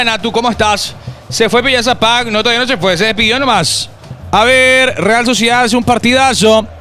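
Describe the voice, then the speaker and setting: A young man in his twenties with a high, bright, forceful voice. He hosts a casual football live stream, bantering and reading chat messages aloud. Faint music plays underneath. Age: 20s. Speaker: streamer hosting a football watch-along.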